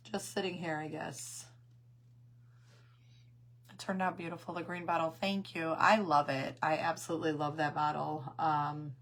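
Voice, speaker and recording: A woman with a hoarse, failing voice that cuts in and out, chatting casually as she hosts a craft livestream and greets her viewers. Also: on the low side. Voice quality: hoarse, voice cutting in and out. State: losing her voice after coughing.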